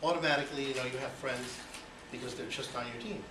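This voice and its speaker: A man in his forties who comes from Cuba talks quickly in a steady, medium-pitched voice as he gives a personal icebreaker speech to an audience. The style is conversational, peppered with "you know" and rhetorical questions, and the recording is noisy, echoey, and far from the mic.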